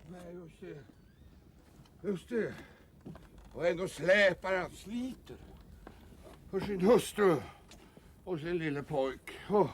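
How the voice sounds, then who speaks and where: An actor playing a carefree, easygoing wandering tramp in a film drama, sighing and breaking into folk song. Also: male voice, sits high, pauses often, a little hiss or hum, natural voice. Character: carefree wandering male tramp, warm and jovial. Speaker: wandering tramp who also sings. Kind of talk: 1980s film drama with songs. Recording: film soundtrack with loud music.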